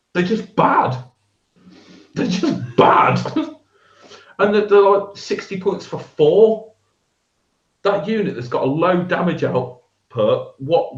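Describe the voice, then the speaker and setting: An animated man in his thirties with a slightly high voice co-hosts a podcast, chatting casually about tabletop miniatures. He laughs, trails off and restarts, and the echoey room gives a dull lo-fi sound.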